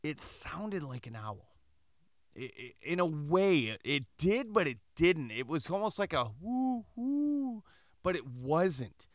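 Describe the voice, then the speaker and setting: A man's voice: fairly high pitch, unhurried, no room sound, studio quality. A middle-aged man from Michigan, hosting a podcast and telling a story in a casual monologue, acting out the dialogue. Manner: animated, acts out dialogue in quoted voices. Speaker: podcast host.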